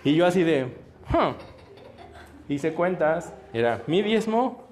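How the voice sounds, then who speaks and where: At a church service, a man preaches to the congregation at a measured pace in a fairly high, sing-song, slightly mellow voice. His sermon is conversational, full of stories, acted-out dialogue, and frequent chuckles.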